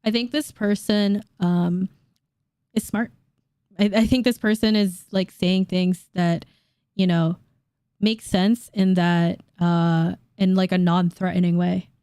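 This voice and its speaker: A woman's voice: on the low side, fairly even intonation, slow, mellow, clear, resonant tone, no echo, studio quality. Blunt, laughing woman in her late 20s. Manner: blunt, laughs often, swears casually. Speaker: YouTuber reacting to comments. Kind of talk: casual reaction vlog reading comments aloud. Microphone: dynamic studio mic.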